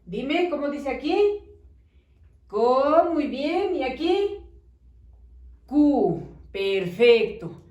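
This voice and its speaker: Sing-song teacher woman, slow and lively. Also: high voice. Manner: slow, sing-song, encouraging, sounding out letters. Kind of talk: children's phonics lesson. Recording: echoey room.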